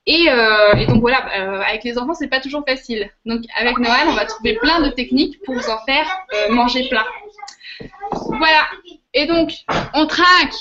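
A woman's voice: high voice, animated, moderate pace, noisy background. A woman hosting a workshop, giving an informal, chatty demonstration with a hesitant way of explaining. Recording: muffled, lo-fi audio.

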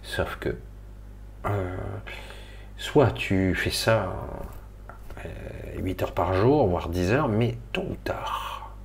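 A man's voice: low-pitched, animated, very slow, pauses often, a little hiss or hum. A middle-aged man from Marseille, rambling casually and colloquially to viewers of his spiritual live stream. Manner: rambling, colloquial, swears, talks to viewers directly.

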